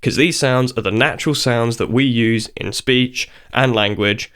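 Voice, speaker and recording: A man's voice: mid-range voice, a little slow, noisy background. Casual man teaching beatbox basics. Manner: chatty and informal, breaks off to demonstrate sounds. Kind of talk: casual video tutorial.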